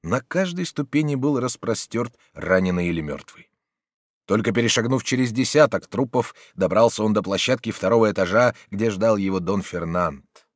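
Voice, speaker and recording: Male narrator, dramatic storytelling, animated pitch. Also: moderate pace, no room sound, studio quality. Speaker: audiobook narrator. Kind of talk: scripted narration.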